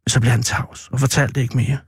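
A man reading a storybook aloud in a slow, mournful narration. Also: mid-range voice, level tone, breathy edge, dry recording, studio quality.

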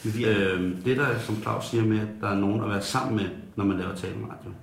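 A man's voice: on the low side, fairly even intonation, gravelly, a little hiss or hum. A man playing a tactless radio host who halts and restarts with frequent ums. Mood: earnest. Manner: halting, full of ums and restarts. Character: tactless male radio host who blurts dark jokes. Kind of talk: satirical talk-radio banter. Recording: roomy studio echo.

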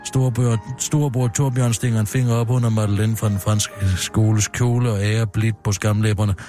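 A man hosting a radio comedy show, reading a silly screenplay aloud in a deadpan, mock-serious way. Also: on the low side, faint music behind.

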